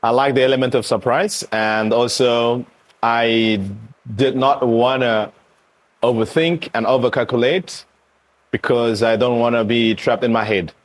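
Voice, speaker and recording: Lively thirty-year-old man from Eswatini. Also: mid-range voice, unhurried. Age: 30s. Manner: animated storyteller who voices others' reactions in asides. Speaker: interview guest. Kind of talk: candid casual interview.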